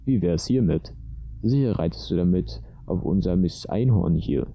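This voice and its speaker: A man's voice: low-pitched, animated, moderate pace, dry recording. A man voicing an uncle in a storybook reading, talking in a light, coaxing way, on a dull lo-fi recording. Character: adult man, a friendly-sounding uncle.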